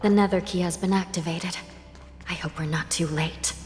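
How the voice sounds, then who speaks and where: A woman's voice: lowish voice, steady tone, normal speed, lightly acted. A woman voicing a stern young female prison judge in a game, formal and commanding, with reverberant game audio over music. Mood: resolute. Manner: formal, commanding, clipped orders.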